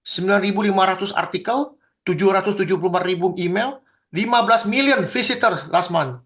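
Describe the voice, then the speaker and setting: Pastor guy, high voice, emphatic and indignant, acting out dialogue on a video call. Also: brisk, fairly bright tone. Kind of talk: animated teaching discussion.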